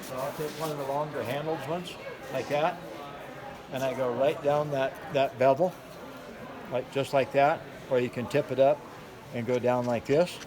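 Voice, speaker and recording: In a noisy, large expo hall with concrete underfoot, a middle-aged man of medium pitch demonstrates knife sharpening live and hands-on. He speaks in a casual, folksy way, keeping explanations plain and repeating himself for emphasis. The sound is captured by a handheld camera a step or two away, with the hall's background noise clearly audible.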